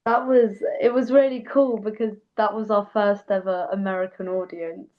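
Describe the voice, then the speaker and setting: A woman's voice: mid-range voice, fairly even intonation, normal speed, lo-fi sound. A young woman musician in an interview, friendly and easygoing. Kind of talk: casual interview.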